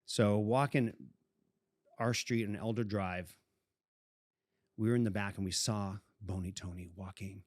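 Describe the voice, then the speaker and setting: A man's voice: on the low side, darkish tone, husky, dry recording, studio quality. A man co-hosting a podcast, telling a childhood story casually and breaking into fits of giggling. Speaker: podcast co-host.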